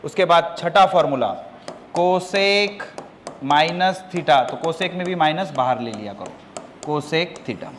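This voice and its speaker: A high-pitched man lectures a roomful of students, swinging from sharp scolding to patient, deliberate dictation of formulas. The classroom recording carries a faint hiss of background noise. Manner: scolding students loudly, then calm step-by-step teaching. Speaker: coaching class teacher.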